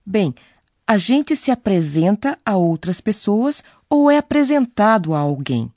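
Warm-toned female co-presenter, lively. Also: mid-range voice, measured pace, no echo. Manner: inquisitive, conversational. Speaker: co-presenter asking questions. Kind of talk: scripted radio lesson.

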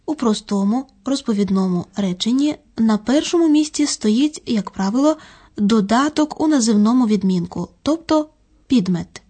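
Female lecturer, mellow tone, slightly high, didactic delivery. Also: animated, breathy edge. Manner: measured, didactic. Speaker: language lecturer. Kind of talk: scripted grammar lecture.

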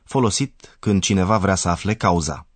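A man teaches in a scripted radio language lesson with a fairly low voice. He explains patiently and clearly, and the recording is dry and close. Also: no room sound.

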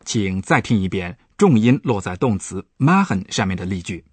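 Lively-voiced male professor explaining grammar. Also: fairly low pitch, normal speed, breathy edge, no room sound. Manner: patient, explanatory. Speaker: professor explaining German on a radio lesson. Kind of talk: radio language lesson.

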